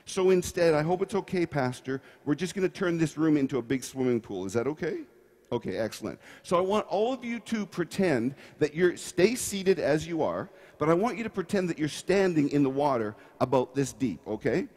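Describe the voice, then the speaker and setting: Lively preacher, playful and animated. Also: male voice, on the high side, fairly quick. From Canada. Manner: playful, animated storytelling with audience participation. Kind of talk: sermon.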